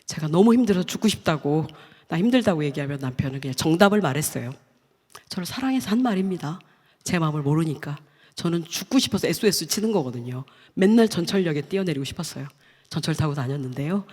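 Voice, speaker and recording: A woman's voice: low-pitched, slightly rough. A middle-aged woman shares her testimony before a church gathering. She talks earnestly, stacking short phrases one after another and sometimes sinking almost to a whisper. Her voice carries a long reverb from the church hall. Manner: earnest, stacks short listed phrases, drops to hushed tones. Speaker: guest speaker giving a testimony.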